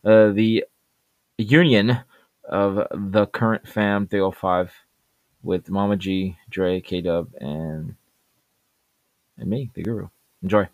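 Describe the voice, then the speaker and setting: Low-voiced host, halting with many pauses. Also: male voice, steady tone, darkish tone, no echo, muffled recording. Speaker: podcast host. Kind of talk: introducing clips.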